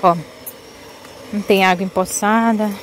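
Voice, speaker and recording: A woman from Belém with a Paraense accent, chatting casually to her viewers in a home vlog, lively and quick to exclaim, filmed on a handheld phone around her yard and rooftop. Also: mid-range voice, a little hiss or hum. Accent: Paraense Brazilian Portuguese. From Belém, Pará, Brazil. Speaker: vlogger.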